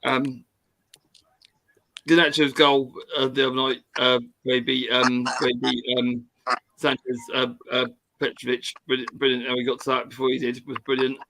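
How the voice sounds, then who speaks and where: A man's voice: mid-range voice, flat delivery, normal speed, pushed and bright, poor audio. A man on a panel giving football predictions, hesitant and stammering. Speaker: panel guest. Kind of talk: casual football chat.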